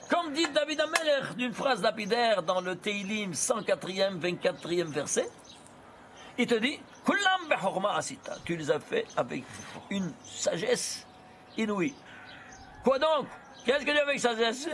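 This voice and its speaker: A man giving an animated lesson, asking questions and answering them himself in rapid bursts. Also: high voice, slight background noise. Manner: animated, asks and answers his own questions. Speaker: Torah teacher. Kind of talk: lively lesson on gematria.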